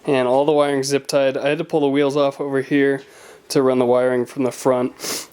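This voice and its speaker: A young man talking casually and excitedly to camera while working on his car, with a self-mocking tone. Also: medium pitch, moderate pace, clean tone. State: out of breath. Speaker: car vlogger. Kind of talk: casual garage vlog.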